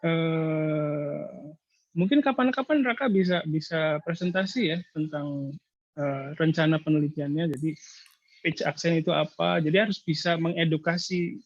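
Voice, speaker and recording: A male lecturer giving casual thesis advice in an online seminar, explaining patiently with many hesitant filler pauses. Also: a little high, dry recording, lo-fi sound. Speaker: university lecturer.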